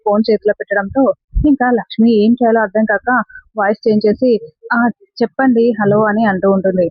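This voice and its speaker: A woman's voice: medium pitch, steady tone, fast talker, slightly rough, no room sound, highs cut off. A woman retelling a TV serial episode scene by scene in a casual spoken way, quoting the characters' lines as she goes. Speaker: serial recap narrator. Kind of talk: casual spoken story recap.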